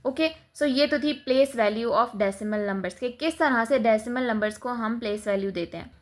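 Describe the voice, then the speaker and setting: Her voice is fairly high with a somewhat bright tone as this Pakistani-accented teacher works through a math lesson on the board. She explains patiently and repetitively, switching between Urdu-Hindi and English terms.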